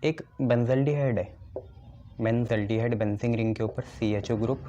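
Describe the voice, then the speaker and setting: Speaking at normal speed with fairly even intonation, this man has a dark, mid-range voice. He teaches chemistry, constructing memory tricks one step at a time, asking and answering his own questions and often checking "ठीक है", all captured in a dull lo-fi recording.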